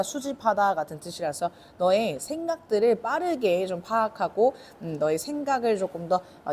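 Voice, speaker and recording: A woman's voice: fairly low pitch, a little mellow, slight background noise. A woman teaching English grammar in a recorded lecture, explaining step by step with rhetorical questions and reading English lines in a Korean accent.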